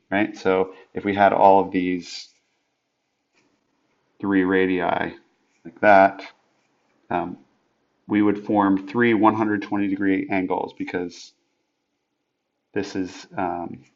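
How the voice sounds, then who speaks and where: Low-voiced man thinking aloud through math. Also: flat delivery, muffled recording. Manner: halting, thinks aloud with many restarts and fillers. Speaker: math teacher. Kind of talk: whiteboard screencast lesson. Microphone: tablet microphone.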